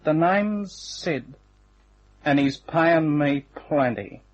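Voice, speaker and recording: In a radio crime play, a smug hired thug drags out each slangy threat very slowly, menacing and taunting with a gloating air. His husky voice is a little high, animated and exaggerated, and the recording sounds dull and narrow like old radio.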